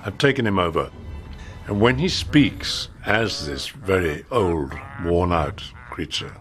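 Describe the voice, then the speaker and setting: Deep-voiced male actor explaining a scene. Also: expressive, takes it slowly, a bit bright, soft background music. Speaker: film actor. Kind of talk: film commentary.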